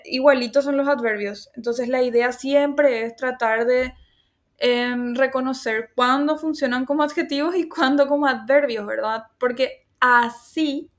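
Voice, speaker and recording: A woman teacher giving a class lecture, explaining patiently, often checking in with her students and reassuring them with a laugh. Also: fairly high pitch. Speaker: language teacher.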